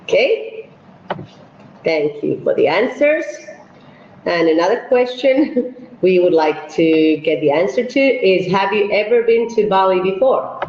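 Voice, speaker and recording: An operations manager from Finland hosts an online webinar, guiding viewers through polls and a presentation. Her mid-range voice has lively intonation and a slightly mellow tone at a measured pace. The audio is echoey and dull, with slight background noise.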